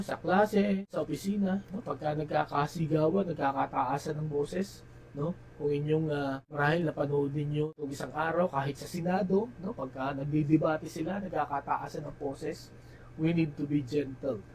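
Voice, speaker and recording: A Filipino man preaching a sermon, mixing Tagalog and English and tagging his phrases with a questioning "no?". He slows and drops his voice for key lines, then rises again. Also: on the high side, steady tone, a little mellow, slight background noise, low-quality recording. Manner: Tagalog-English code-switching, tag "no?" after phrases. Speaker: pastor.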